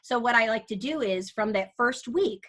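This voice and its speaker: A woman teacher presenting an energetic online workshop, bubbly and encouraging, talking to her audience over a video call. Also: on the high side, normal speed. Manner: bubbly, encouraging, breaks into bits of song. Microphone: computer mic on a video call.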